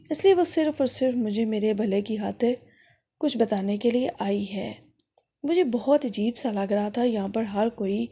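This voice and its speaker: Gravelly-voiced woman telling a story. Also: medium pitch, warm tone. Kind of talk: first-person story narration.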